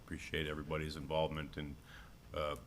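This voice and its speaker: A man's voice: extremely low pitch, monotone, fast, fairly bright tone, slight background noise. A man making formal remarks as a city official at a council meeting.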